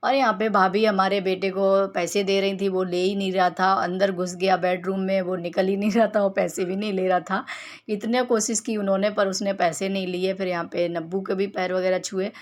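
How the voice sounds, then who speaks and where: A woman's voice: medium pitch, level tone, normal speed. A woman in her thirties from Uttar Pradesh, narrating her family vlog in a chatty, homely way and walking viewers through each clip. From Uttar Pradesh, India. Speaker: family vlogger. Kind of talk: casual vlog voice-over narration.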